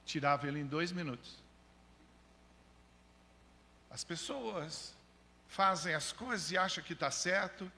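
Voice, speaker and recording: A man preaches in a church hall, his voice ringing and sharp in the upper register. He drives each point home emphatically and keeps turning to his listeners as brothers. A long reverb trails every phrase. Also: fairly high pitch. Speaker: missionary preacher. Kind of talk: sermon.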